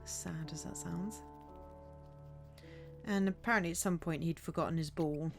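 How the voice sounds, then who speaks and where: Woman doing a chatty walking vlog, bit of vocal fry, music in the background. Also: on the low side, moderate pace. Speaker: vlogger narrating a countryside walk. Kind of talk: casual chat.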